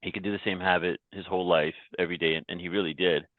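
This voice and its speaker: Recounting his own path as a company founder, a very low-pitched Canadian podcast guest talks steadily but haltingly, with frequent restarts and repeated words. His casual, reflective speech arrives via a thin, dry, phone-like remote line with no echo.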